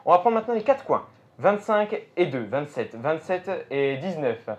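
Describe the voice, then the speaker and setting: A man's voice: on the high side, lively intonation, normal speed, darkish tone. A man performing live magic show patter, thinking aloud and addressing the audience. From France. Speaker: stage magician. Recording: dull lo-fi show recording with music. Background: music.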